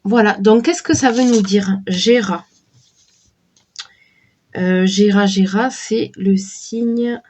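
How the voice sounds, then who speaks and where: A woman with a cold and a sore throat, slowly and hesitantly chatting while showing a deck of oracle cards. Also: mid-range voice, steady tone, a little mellow. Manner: slow, hesitant, many fillers and restarts. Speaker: tarot and oracle card reviewer. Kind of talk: casual unboxing chat.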